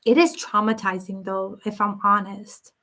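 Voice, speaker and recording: A woman hosting a psychic live stream, reading viewer comments aloud and answering them gently and sympathetically in loose, casual talk. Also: mid-range voice, fairly even intonation, normal speed. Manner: talks in loose, restarting sentences with many fillers.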